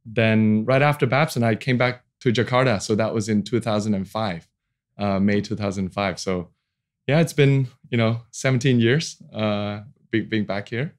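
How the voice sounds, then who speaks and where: Lowish-voiced and speaking at a moderate pace, this Hong Kong venture capital founder in his forties chats in a laid-back interview, stumbling through plenty of fillers and restarts and laughing readily.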